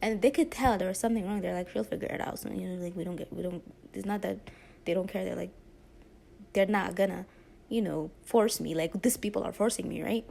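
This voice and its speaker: Creaky-voiced woman ranting on her channel. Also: medium pitch, fairly quick, warm tone. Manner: rambling and candid, with many fillers and short laughs; blunt and sarcastic. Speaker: YouTuber. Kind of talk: casual storytelling rant.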